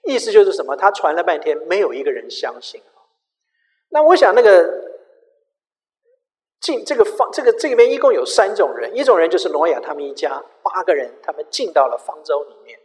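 Animated preacher man in an echoey hall. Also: high voice, brisk. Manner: animated, repeats and restarts words. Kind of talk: sermon with storytelling. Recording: echoey hall with long reverb.

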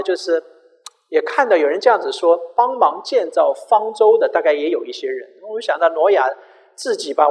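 A man preaching a sermon, telling a story in an animated way, often repeating and restarting words. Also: on the high side. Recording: echoey hall with long reverb.

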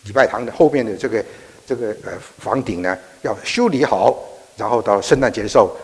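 A man preaching, telling a story in an animated, halting way with frequent restarts. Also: medium pitch, slightly rough. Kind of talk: sermon storytelling. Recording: echoey hall.

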